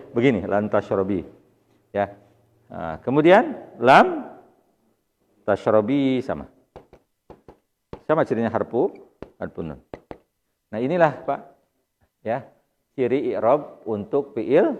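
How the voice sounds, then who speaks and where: A man with a Sundanese accent teaches Arabic grammar in a mosque, pausing often to address his listeners politely and check they follow. His voice carries a long reverb from the hall around him. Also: medium pitch, darkish tone. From Indonesia. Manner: explains patiently, often addressing listeners as "Pak". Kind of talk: mosque study-circle lesson.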